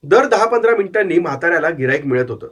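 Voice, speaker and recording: A male storyteller with a high-pitched voice narrates a horror tale. His reading is measured and descriptive, moving steadily through long lists of detail. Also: lively intonation, fairly bright tone.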